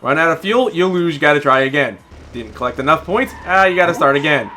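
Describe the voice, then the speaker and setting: A man's voice: a little high, animated, fast talker, pushed and bright, soft background music. A man giving exasperated, sarcastic and profane commentary as he reviews a video game.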